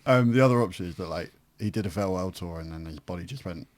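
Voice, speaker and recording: A man co-hosting a podcast, bantering loudly with swearing and laughter. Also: sits low, fast, slight background noise. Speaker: podcast co-host.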